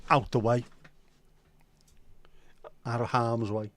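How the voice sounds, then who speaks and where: On his livestream, a middle-aged man from Liverpool reads viewer comments and answers them in a Scouse accent, full of banter, jokes and swearing. His medium-pitched voice is slow and fairly bright with a level tone.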